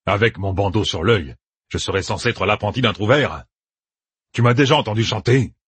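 A man's voice: fairly low pitch, normal speed, a bit bright, breathy edge, dry recording. A man doing a grumbling one-eyed veteran. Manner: plaintive, grumbling objections. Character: grizzled one-eyed older soldier, grumbling.

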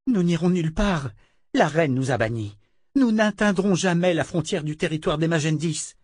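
An enraged, proud sorceress from an audiobook, played by a male narrator. She bites off her words through clenched teeth at a raised pitch. The recording is dry and close. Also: lively intonation, moderate pace, no echo. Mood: furious. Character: furious proud sorceress nun woman.

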